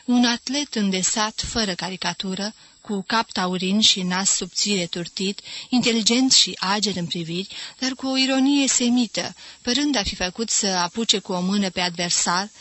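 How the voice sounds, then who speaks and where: A woman reads a novel aloud in a clear, measured narration. Her voice is bright and forward, recorded close and dry with no room sound around it. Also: medium pitch, no echo. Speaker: audiobook narrator.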